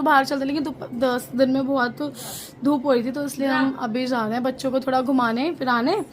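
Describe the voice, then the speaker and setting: A woman's voice: high-pitched, a little hiss or hum. A woman hosting a casual family vlog at home, talking chattily into a handheld phone camera and playfully teasing and scolding those around her. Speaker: vlog host and mother. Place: at home, indoors.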